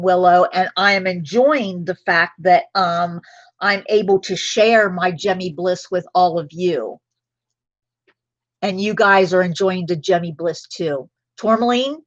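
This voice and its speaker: Slow, chatty woman hosting a live sale. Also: on the low side, no room sound, muffled recording. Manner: chatty, drifts into personal stories between items. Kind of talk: casual live-stream selling chat.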